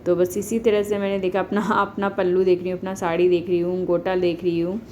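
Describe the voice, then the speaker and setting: A woman in her thirties narrating a home vlog, calmly explaining each step of a family ritual. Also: on the low side, brisk, a little hiss or hum. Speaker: vlogger. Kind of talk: casual voice-over narration of a family festival vlog.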